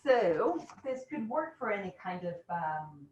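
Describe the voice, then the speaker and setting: A woman leading teachers through a classroom game, giving quick, instructive directions and laughing often. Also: mid-range voice, big pitch swings, a little mellow, a little hiss or hum. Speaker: teacher trainer. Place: classroom or training room. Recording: roomy, distant, dull classroom sound.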